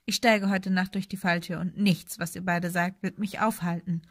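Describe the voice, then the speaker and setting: A woman's voice: on the low side, steady tone, moderate pace, no echo, clean studio sound. A woman voicing a brave, desperate young schoolboy wizard who talks urgently and pleadingly. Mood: impassioned.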